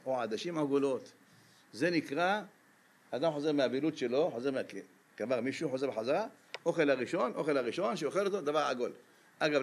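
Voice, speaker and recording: A man giving a sermon as a rabbi, lively and full of rhetorical questions to his listeners. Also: mid-range voice.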